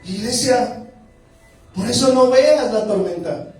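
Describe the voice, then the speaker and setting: A male pastor with a Colombian accent preaching a lively sermon, rising to loud exclamations and slowing down for emphasis. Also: very high voice, recorded from a distance. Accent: Colombian Spanish. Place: church hall. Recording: echoey church hall, mic from afar, music underneath.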